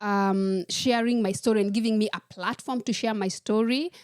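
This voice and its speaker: A woman from Kenya, a podcast guest telling her life story in a measured, reflective way. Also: medium pitch, steady tone, a little mellow, clear, resonant tone, no room sound, clean studio sound. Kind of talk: personal storytelling in a podcast interview.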